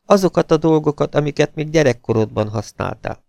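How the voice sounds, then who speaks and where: Guy doing a pleading scheming woman, raised voice, gravelly underneath, dry sound. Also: on the high side, a little mellow, no room sound, voice pushed up. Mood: wheedling.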